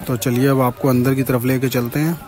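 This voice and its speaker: Young vlogger, Farrukhabad Hindi accent, mellow voice, handheld phone, faint music behind. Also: male voice, mid-range voice, level tone, fairly quick. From India. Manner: chatty, points things out to viewers. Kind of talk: casual walking tour vlog. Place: crowded decorated shrine courtyard at night. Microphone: handheld phone camera.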